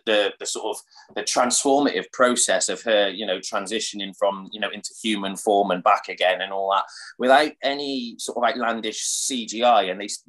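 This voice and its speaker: A man with a very deep voice talks warmly and keenly about films, padding his sentences with 'sort of' and 'like'. His delivery is loose and conversational, searching for words as he goes. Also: low-quality recording. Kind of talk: casual chat.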